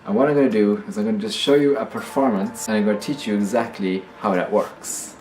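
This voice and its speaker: A man's voice: fairly low pitch, fairly even intonation, brisk, a little mellow, roomy sound, slight background noise, poor audio. A man hosting a magic tutorial in casual card magician patter, explaining step by step and often repeating himself.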